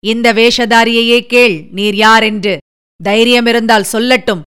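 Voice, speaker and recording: Villain: a woman doing a domineering male sorcerer priest, booming and commanding, smooth clear voice, storybook reading. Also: flat delivery, a little slow, fairly bright tone. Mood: roaring, furious.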